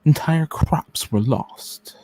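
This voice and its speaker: In a radio play reading, a man voices a cold, contemptuous machine agent, speaking deliberately with menace and sometimes dropping to a whisper. His voice is on the high side with a warm tone, though the audio is poor.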